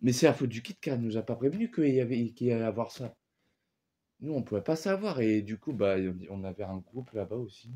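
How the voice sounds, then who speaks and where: A man's voice: mid-range voice, lively intonation, a little fast, mellow. Rambling casual male vlogger. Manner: rambling, heavy fillers and slang. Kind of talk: casual unboxing vlog.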